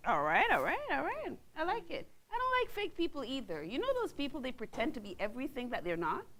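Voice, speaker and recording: A woman's voice: sits high, huge pitch swings, fairly quick, a bit bright. Upbeat woman leading a workshop. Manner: upbeat, coaxing, playful teasing. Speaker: workshop facilitator. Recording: noisy room recording.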